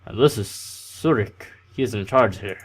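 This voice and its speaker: An eager teenage club leader, smug and welcoming, voiced by a man in his own low-ish voice while reading a game aloud. The delivery stays close to plain speech with slight lilts. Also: a little slow.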